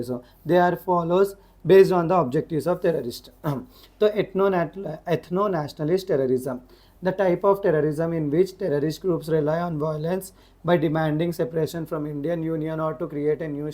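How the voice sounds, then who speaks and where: A woman tutor, going over exam answers, reading English definitions slowly and explaining them in quick, chatty full of rhetorical questions. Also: low-pitched, dark tone. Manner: slow dictated English definitions, quick conversational Hindi explanations; keeps asking rhetorical questions. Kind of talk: exam revision lesson.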